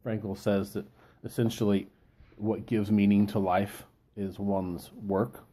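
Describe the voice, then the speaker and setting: A man with a fairly low, very mellow voice talks reflectively, as if walking a listener through a book. His delivery is deliberate and halting, pausing mid-phrase. Light background noise sits under the voice. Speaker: book reviewer giving an informal chat. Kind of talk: reflective solo talk, quoting and explaining.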